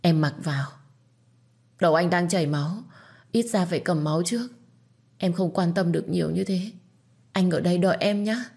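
A woman's voice: lowish voice, moderate pace, creaky, pauses often, warm tone, slightly rough. A woman voicing a young woman who pleads through tears over someone she loves. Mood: urgent tender. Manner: pleading, tearful. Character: young woman, frantic and devoted.

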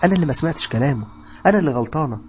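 A man's voice: medium pitch, very animated, quick pace, a little mellow, slight background noise, close to an everyday voice. A man voicing a frightened, guilt-stricken young woman in a horror story, speaking in an Egyptian Arabic accent with a raised, strained voice. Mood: tearful, defiant.

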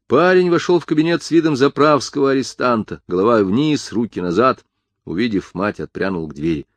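A man reading an audiobook in scripted narration, in an even, measured way. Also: mid-range voice, dry recording.

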